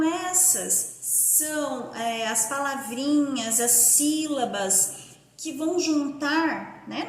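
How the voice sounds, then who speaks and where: Slow, high-voiced Brazilian teacher woman. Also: a little hiss or hum. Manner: slow, drawn-out syllable-by-syllable pronunciation. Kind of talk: primary school phonics lesson. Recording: echoey room.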